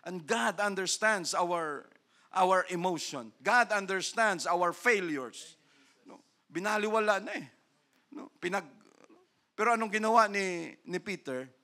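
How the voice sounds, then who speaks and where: A Filipino man preaching as a pastor, animated, asking "no?" after almost every phrase and swinging from soft and low to loud and high. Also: measured pace. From Philippines. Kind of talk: sermon.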